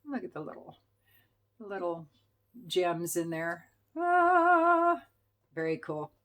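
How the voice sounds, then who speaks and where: Middle-aged woman, slightly low voice, casual enthusiastic review host. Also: steady tone, a little slow. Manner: chatty, enthusiastic, with fillers and self-corrections. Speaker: perfume reviewer.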